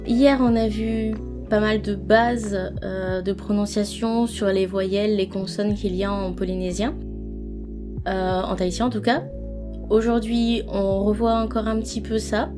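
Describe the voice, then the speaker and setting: A woman's voice: medium pitch, steady tone, over music. A woman giving a casual language lesson, reading out word lists and glossing each item, friendly and encouraging, with frequent fillers. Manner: reads word lists with French glosses, pausing between items. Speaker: language teacher.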